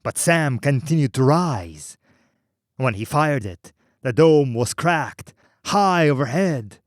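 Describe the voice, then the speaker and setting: Slow, expressive male audiobook narrator. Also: medium pitch, no echo, clean studio sound.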